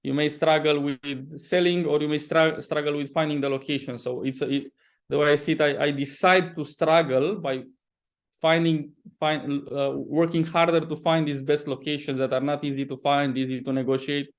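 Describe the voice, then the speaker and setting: A man's voice: on the high side, little pitch movement, moderate pace. A man with a Romanian accent answers interview questions conversationally as a property developer, often stopping and repeating words mid-sentence. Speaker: property developer, podcast guest.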